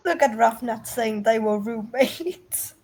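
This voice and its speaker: A woman's voice: on the high side, takes it slowly, a little mellow. A woman chatting as a player in a tabletop game, teasing and laughing often. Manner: giggly, teasing. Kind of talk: casual tabletop game chat.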